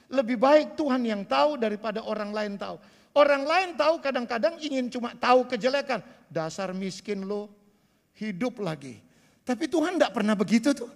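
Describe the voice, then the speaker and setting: A man in his sixties preaching a sermon as pastor, swinging between loud emphatic bursts and quiet asides. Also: extremely high pitch, creaky, big-room sound. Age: 60s. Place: church sanctuary.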